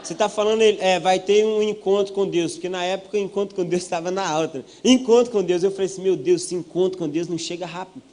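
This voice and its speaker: High-voiced Brazilian pastor telling funny stories. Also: male voice, fairly even intonation, fast, hardly any pauses, a little mellow, slight background noise. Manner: storytelling with jokes and acted-out quotes. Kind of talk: humorous testimony sermon.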